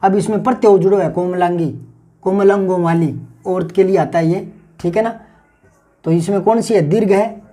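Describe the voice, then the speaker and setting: A man's voice: high-pitched, fairly even intonation, normal speed, warm tone. A man teaching a grammar lesson, explaining patiently and repeating key words aloud to drill them. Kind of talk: classroom-style grammar lesson.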